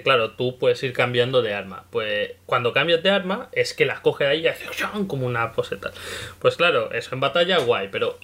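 A man with a Spain Spanish accent in casual chat, telling lively stories and acting out bits of dialogue. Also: mid-range voice. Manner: lively storyteller, acts out characters' remarks. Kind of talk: casual chat about a video game.

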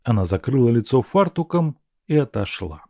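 Male narrator, lively reading, dry close sound. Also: mid-range voice, normal speed, no echo. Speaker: audiobook reader. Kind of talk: scripted narration of a classic novel.

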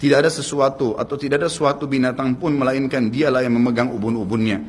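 A man with an Indonesian accent preaching a sermon, earnest and speaking straight to his audience, his pitch swinging up and down for emphasis. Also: fairly even intonation, quick pace, in a large hall, slight background noise. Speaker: Islamic preacher.

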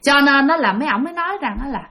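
A woman's voice: high voice, lively intonation, rapid-fire, sharp tone. A woman with a Southern Vietnamese accent telling a ghost story in a chatty way, often addressing her listeners directly. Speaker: storyteller host. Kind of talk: casual spooky storytelling.

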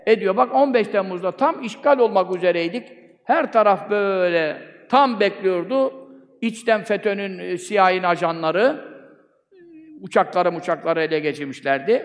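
A man preaching a sermon from a pulpit microphone, fervently asking rhetorical questions and answering them himself. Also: high voice. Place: speaking from a pulpit. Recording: long hall reverb.

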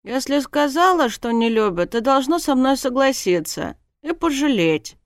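A tipsy young princess bride, voiced by a woman reader, teasing in a high, sing-song voice that climbs well above the narration. She is cheeky and stubborn, her words giggly and lilting. The audiobook sound is dry and close. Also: very animated, measured pace, no echo. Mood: sulky. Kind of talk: audiobook character voice.

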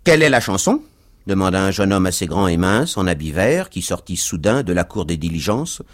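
A man reading a classic novel aloud for radio, in expressive, dramatic storytelling narration. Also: low-pitched, brisk. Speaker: reader. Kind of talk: scripted literary narration for radio.

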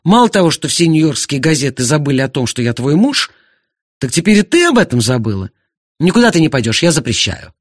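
A man voicing a jealous, blustering husband who shouts indignantly in an audiobook. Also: a little high, big pitch swings, brisk, no room sound, studio quality, pitched above the performer's own voice. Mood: furious. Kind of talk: audiobook character voice.

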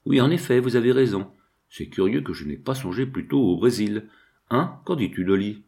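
A man's voice: on the low side, expressive, moderate pace, mellow. A man reading an audiobook, voicing a fussy, pleasure-seeking male thief on the run. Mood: agreeable.

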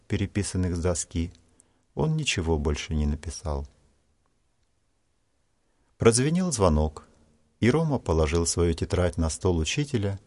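A man narrating a children's story in a measured, expressive way. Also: low-pitched.

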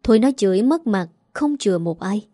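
A woman narrating a village drama audiobook in a calm, measured reading voice. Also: mid-range voice, dry recording, studio quality. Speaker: story narrator. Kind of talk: audiobook storytelling.

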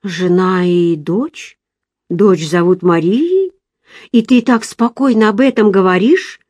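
A woman reader voicing an excitable, gossipy young woman friend who talks loudly in exclamations. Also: medium pitch, slow, no echo. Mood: excited. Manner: loud, exclamatory, emphatic.

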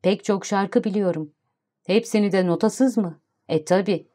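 A woman voicing a sharp-tongued young female street bun seller, curt and quick to snap back, in an audiobook reading. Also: mid-range voice, lightly acted. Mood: curious.

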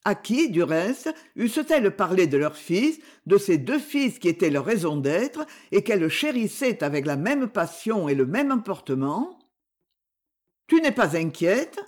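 An audiobook reader narrating a short story in an expressive way, with dramatic pauses. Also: medium pitch.

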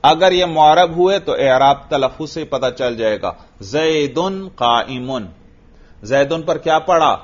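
A man's voice: on the high side, animated. A man with a Pakistani Urdu accent, a religious teacher giving a classroom grammar lecture, firing short questions at his students and repeating their answers. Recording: dull lo-fi classroom recording.

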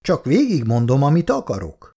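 A man's voice: medium pitch, huge pitch swings, mellow, breathy edge, voice pushed up, full character voice. A man doing a sneering, smug office clerk. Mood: mocking. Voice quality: mocking, smug.

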